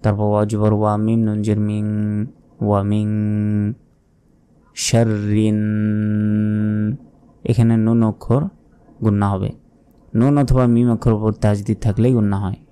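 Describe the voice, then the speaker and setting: A man with a Bangladeshi Bengali accent teaching a Quran recitation lesson, explaining pronunciation and chanting verses slowly. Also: fairly low pitch, little pitch movement, dark tone, clean tone.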